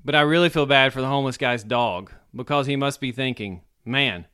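A man's voice: mid-range voice, fast, bright, forceful tone, clean tone. A man co-hosting a casual podcast, telling corny jokes and chuckling at them. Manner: chuckling, corny joke delivery. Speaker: podcast co-host. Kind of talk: casual joke-telling chat.

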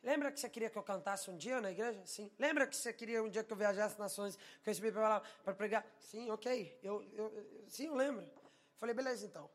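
A man preaching a sermon, telling a personal testimony and swinging from hushed tones to shouting. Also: sits high, quick pace.

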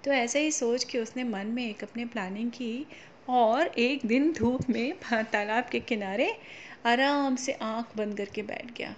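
A woman's voice: fairly high pitch, a little slow, lo-fi sound, slight background noise. A woman telling a fable to children, stopping to explain things and ask them questions. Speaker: storyteller for children. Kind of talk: storytelling to children.

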